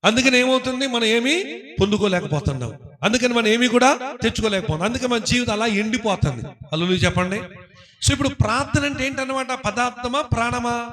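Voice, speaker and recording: A male pastor preaching in church, animated, questioning and teasing his congregation and acting out the voices of people in his stories. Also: very high-pitched, fast talker. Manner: animated, acts out voices of people praying and scolding. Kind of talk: sermon.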